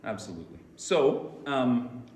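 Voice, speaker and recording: A man leads a church class in an energetic, conversational way, often restarting his sentences as he goes. The room adds a noticeable echo, and there is a faint hum of noise behind him. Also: mid-range voice, unhurried. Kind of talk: informal classroom teaching.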